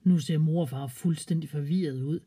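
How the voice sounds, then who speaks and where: Mellow, husky children's storyteller. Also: mid-range voice.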